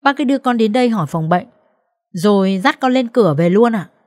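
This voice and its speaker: A woman voicing a small, caring boy who speaks softly and politely in an audiobook. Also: a little high, expressive, brisk, no room sound, studio quality, pitched above the performer's own voice, close to an everyday voice. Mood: gentle, worried. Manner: soft, polite childlike asking. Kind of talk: audiobook character voice.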